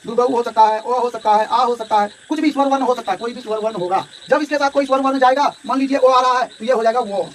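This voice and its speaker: A man's voice: extremely high pitch, fast talker, hardly any pauses. A man teaching a grammar lesson, explaining step by step and often checking in his students. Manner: explanatory, repeats "ठीक है" and addresses students directly. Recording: distant mic with faint background noise.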